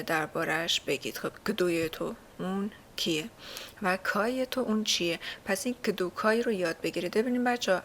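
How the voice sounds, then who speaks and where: A woman's voice: fairly low pitch, a little hiss or hum. A woman teaching a language in a casual spoken lesson, explaining patiently with many fillers and frequent checks on her students. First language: Persian.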